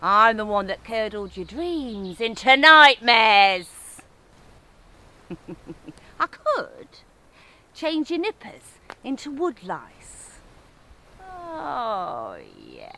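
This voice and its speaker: A woman's voice: a little high, bright, forceful tone, slight background noise, exaggerated voice. A woman playing a scolding, taunting, gleefully wicked old witch of the woods with a northern English accent, in theatrical storytelling.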